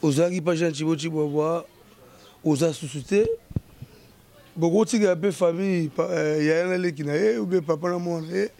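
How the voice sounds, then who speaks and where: A man hosting a talk show, speaking hesitantly with frequent pauses while giving advice. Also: on the high side, vocal fry, mellow. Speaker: host. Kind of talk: talk-show commentary mixing French and Lingala.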